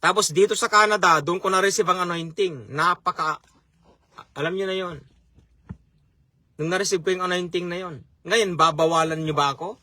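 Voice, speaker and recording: Bright high-voiced male preacher. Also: fairly even intonation, normal speed, long pauses, no room sound. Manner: repeats key phrases for emphasis. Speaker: chaplain and preacher. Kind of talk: sermon.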